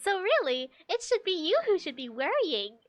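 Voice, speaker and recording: A woman's voice: extremely high pitch, big pitch swings, measured pace, dry recording. A woman streamer giving casual, joking commentary while playing a game, often giggling.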